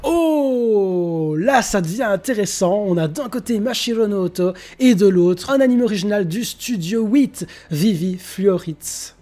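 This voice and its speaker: A young man hosting a live-streamed anime vote, casual and slangy, with bursts of excitement. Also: high voice, moderate pace, few pauses. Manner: excitable, slangy, mixes English exclamations.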